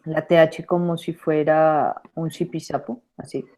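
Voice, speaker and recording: A woman teaching an online English lesson, repeating words slowly to model pronunciation. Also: deep voice, steady tone, a little mellow.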